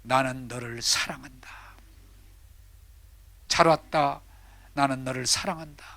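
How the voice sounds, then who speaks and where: A man voicing God as a gentle, loving father, speaking low, slow and hushed within a sermon. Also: no echo. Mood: tender.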